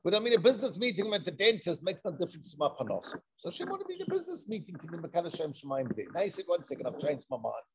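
Talking very fast with hardly any pauses, a man in a high-pitched voice teaches informally on the Torah, excitable and repetitive, weaving in Hebrew and Yiddish terms. The recording is dull and lo-fi, with a little hiss or hum.

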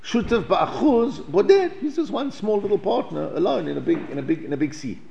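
The voice is high, sing-song, creaky and warm, running a little fast, as a man from South Africa leads a Torah class. He reads Hebrew passages, explains them in English, and often restarts or repeats words. A little hiss or hum sits in the lo-fi, dull recording.

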